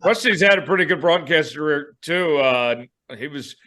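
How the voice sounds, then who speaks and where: A man with a bright, forceful tone and a somewhat high voice, co-hosting a podcast. He asks long questions broken up by frequent "uh" pauses. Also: expressive. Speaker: radio and TV host, co-host. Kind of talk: casual podcast chat.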